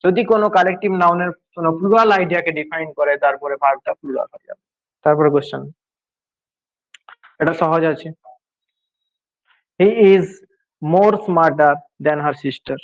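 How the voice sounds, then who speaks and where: Man, teacher, grammar lesson, repetitive quizzing, fairly high pitch, muffled lo-fi audio. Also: steady tone. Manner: explains slowly, repeats and quizzes students.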